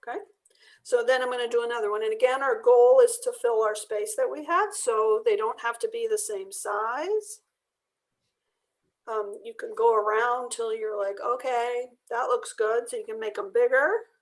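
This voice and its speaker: A woman leading an online drawing class, explaining each step in a relaxed, chatty way while losing her voice. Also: on the high side, normal speed. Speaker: art workshop instructor. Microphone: video call.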